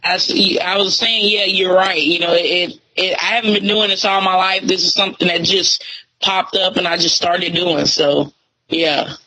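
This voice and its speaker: A young Tyler, Texas woman who hosts radio speaks at a moderate pace in a fairly low, steady voice with a sharp tone. The interview is a casual chat, her speech slangy, relaxed and heavy with fillers, all on poor-quality audio.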